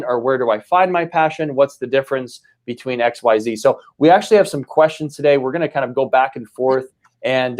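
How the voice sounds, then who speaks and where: A man's voice: mid-range voice, darkish tone. A man in his forties hosting a live-streamed conversation over a remote call, upbeat and loose, with many fillers and restarts. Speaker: host and company CEO.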